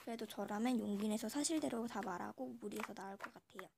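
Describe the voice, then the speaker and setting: Female story-reading host, radio style, high pitch, voice-changer effect, noisy recording. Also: fast talker, vocal fry. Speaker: host reading listener stories. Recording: noticeable noise.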